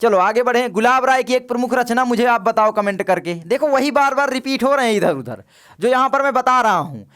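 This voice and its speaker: Young male tutor, very high voice, informal and coaxing, quick quiz revision. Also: expressive, a bit bright, clean tone. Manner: chatty, coaxing students to comment. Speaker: teacher. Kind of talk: exam revision lesson.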